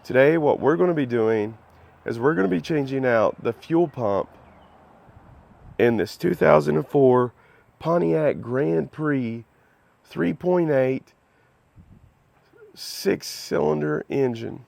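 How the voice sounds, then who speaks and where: A man hosting a DIY car repair tutorial, recovering from a cold, with a relaxed, friendly way of explaining. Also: a little high, slow, creaky, long pauses, dry recording. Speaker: host.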